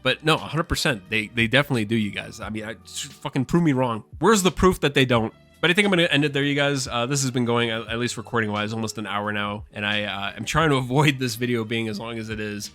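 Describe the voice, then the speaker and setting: Brief: male gaming YouTuber, bright forceful tone, casual and excitable, faint music underneath. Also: mid-range voice, fast, hardly any pauses. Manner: excitable, swears, addresses viewers as guys. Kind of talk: casual commentary video.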